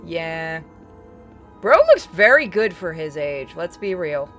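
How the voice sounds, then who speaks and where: This streamer's voice is low and a bit bright, moving slowly with big swings in pitch. She chats casually during her game stream, game music running underneath.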